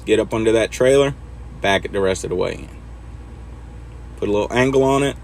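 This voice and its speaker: A man's voice: fairly low pitch, fairly quick, gravelly, slight background noise. A man talking casually through a trucking simulator as he teaches backing, laid-back and chatting to himself as he drives. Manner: laid-back, talks to himself while driving. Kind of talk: casual instructional commentary over gameplay.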